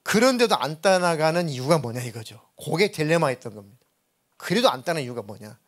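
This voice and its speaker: Earnest Korean pastor preaching, voice pitched a little high. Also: male voice, big pitch swings, a little fast. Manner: earnest preaching, acts out quoted voices of spirits and himself. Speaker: senior pastor. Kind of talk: sermon.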